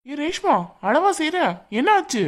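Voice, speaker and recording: A woman with a slightly high voice coaxes and questions someone gently in a family drama. She is acting in a domestic scene at home. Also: expressive, measured pace. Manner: coaxing, questioning. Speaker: concerned mother-in-law figure in a family drama. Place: indoors at home.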